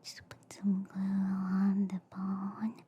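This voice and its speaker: Close to the microphone, a woman whispers softly and soothingly in an ASMR roleplay as a gentle, reassuring alien doctor. Her mid-range whisper is soft and breathy, slow, and completely flat in delivery.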